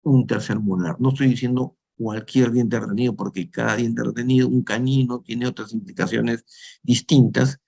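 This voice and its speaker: A man in his fifties from Peru lectures on dentistry in a relaxed, conversational manner. His voice has a gravelly edge, and he keeps checking in with his listeners as he explains each point. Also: mid-range voice, moderate pace, muffled recording. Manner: conversational, frequent tag questions, restarts. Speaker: dental lecturer. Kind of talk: lecture with slides.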